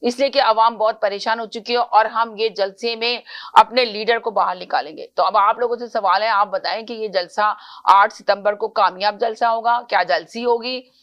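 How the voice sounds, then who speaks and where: A woman's voice: a little high, fairly even intonation, moderate pace, a bit bright, lo-fi sound. A woman hosting a political call-in talk show, earnest and questioning, often correcting herself mid-phrase.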